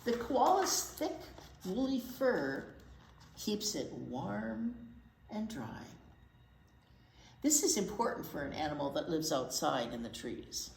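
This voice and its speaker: Her voice is lowish, darkish and creaky, with a sing-song lilt, a slow pace and frequent pauses as she reads a picture book to young children. A librarian hosting storytime, she offers simple explanations and chatty asides in an echoey room with faint background noise.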